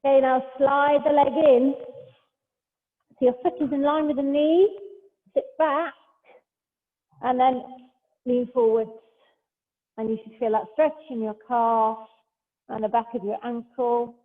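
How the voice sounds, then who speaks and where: A high-voiced woman talks a Pilates class through each move, calm and step by step, chatting between cues. Her voice rings with a long hall echo and comes through a thin, phone-like line. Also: measured pace, long pauses. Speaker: Pilates instructor. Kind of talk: guiding an exercise class. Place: large hall, class streamed over a video call.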